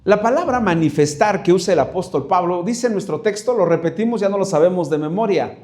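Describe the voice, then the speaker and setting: A man's voice: high voice, expressive, a little fast, a little mellow. A middle-aged man preaching a sermon as pastor, conversational and hesitant, often repeating words and asking the congregation to repeat after him.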